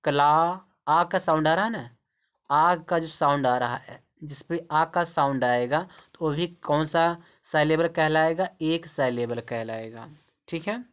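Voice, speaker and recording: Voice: mid-range voice, a little slow, highs cut off. A teacher giving a step-by-step explanation to camera. The teacher keeps repeating points and asks rhetorical questions, then answers them. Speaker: English teacher. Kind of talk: classroom-style explanation to camera.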